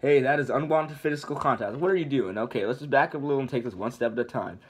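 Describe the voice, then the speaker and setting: A man voicing a jittery talking donkey who rambles in a fast, panicky patter. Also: medium pitch, husky, close to an everyday voice. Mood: flustered. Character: jittery talking male donkey, motor-mouthed.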